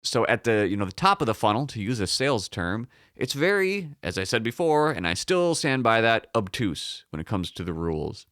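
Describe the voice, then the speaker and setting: A man hosts a casual solo podcast in a lowish voice with a slight morning frog in it. The tone still comes through cleanly, recorded very dry and close. He rambles, corrects himself and leans hard on words, swearing freely. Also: sing-song, moderate pace, hardly any pauses, fairly bright tone, no echo. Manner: rambling, self-correcting, emphatic, profane. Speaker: podcast host.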